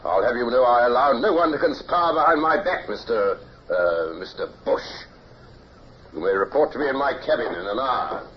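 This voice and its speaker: A man's voice: medium pitch, animated, moderate pace, lightly acted. A male actor playing a suspicious, domineering British naval captain in an old radio drama, curt and interrogating, with a British accent. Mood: menacing. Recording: muffled old radio recording with hiss.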